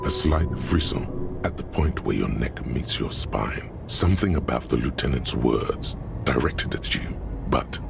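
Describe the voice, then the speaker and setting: An actor voicing a grave, omniscient male game narrator with a gravelly voice. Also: very deep voice, animated, unhurried, noisy background, full character voice. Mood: ominous. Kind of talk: game voice acting.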